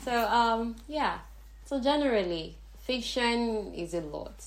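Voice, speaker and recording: A woman's voice: fairly high pitch, expressive, slow, slight background noise, low-quality recording. A woman with a Nigerian accent hosting a podcast in a casual, chatty way, thinking aloud as she goes. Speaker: podcast host. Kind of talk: casual chat.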